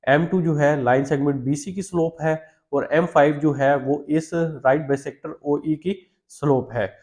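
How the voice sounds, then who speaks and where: A man's voice: fairly high pitch, steady tone, a little slow, a little mellow. Patient Pakistani Urdu-accented male maths teacher. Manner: patient, repeats each step with fillers. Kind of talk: explaining a maths solution step by step.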